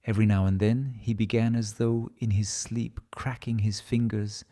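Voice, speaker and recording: A man's voice: on the low side, little pitch movement, normal speed, dark tone. A man with a Russian accent reading literary fiction aloud as a scripted audiobook narration.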